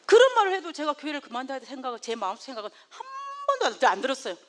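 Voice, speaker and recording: A woman's voice: high voice, very animated, rapid-fire. A woman from South Korea giving a sermon and telling a personal story, often laughing as she goes. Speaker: preacher.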